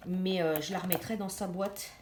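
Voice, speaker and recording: A woman's voice: fairly low pitch, fairly even intonation, normal speed. Chatty woman in an echoey room. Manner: chatty, hesitant, many fillers and restarts. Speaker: diamond painting vlogger. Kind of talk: casual unboxing chat to camera. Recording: echoey room, clear background noise.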